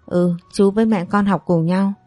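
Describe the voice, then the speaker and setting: A woman voicing a gentle, very polite young man who has just come back from abroad. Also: mid-range voice, steady tone, normal speed, no echo, faint music behind, natural voice.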